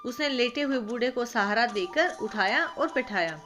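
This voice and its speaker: Female storyteller, calm scripted narration, higher voice, background music. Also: moderate pace.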